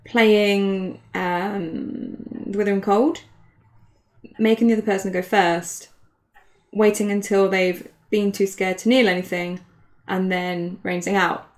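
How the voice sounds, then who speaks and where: A woman's voice: mid-range voice, steady tone, takes it slowly. A woman, giving casual, chatty commentary on a card game match and laughing often. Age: 20s.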